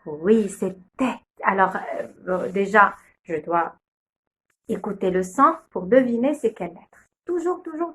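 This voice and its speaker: Slow, patient woman teaching phonics. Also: medium pitch, breathy edge. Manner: slow, patient, sounding out letters and syllables. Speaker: kindergarten teacher. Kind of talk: phonics lesson video.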